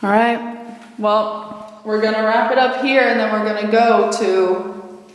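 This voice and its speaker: A woman's voice: medium pitch, steady tone, measured pace. A woman talking casually and tentatively as she co-hosts a paranormal investigation vlog. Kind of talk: casual ghost-hunt vlog talk. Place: echoey basement of an old jail. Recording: very echoey room.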